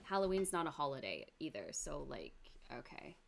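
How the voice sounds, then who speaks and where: A woman's voice: low-pitched, very animated, moderate pace, vocal fry. A pregnant woman from Canada giving dry, sarcastic reaction commentary on a vlog.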